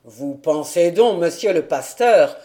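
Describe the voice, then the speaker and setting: A reader doing a gruff, stubborn old grandfather. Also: medium pitch, expressive, slow pace. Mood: agitated. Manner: gruff, defiant, loud. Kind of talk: audiobook character reading.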